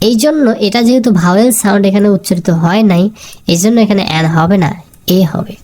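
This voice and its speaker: A woman's voice: medium pitch, brisk, a little mellow. A woman teaching a grammar lesson, who repeats the key sounds and keeps asking her students questions.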